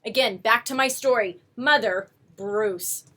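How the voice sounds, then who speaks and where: Reading a picture book to young children, a woman storyteller speaks a little slowly in a slightly high voice. She's expressive and adds coaxing asides to her small listeners.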